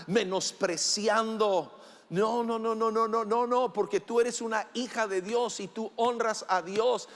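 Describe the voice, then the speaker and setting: A high-pitched man preaching unhurriedly to his congregation, moving from loud calls to hushed, intimate lines and slipping in teasing asides. His voice rings out with a long reverb from the church hall. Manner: addresses the congregation directly, swinging between loud and hushed. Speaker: pastor. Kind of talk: sermon.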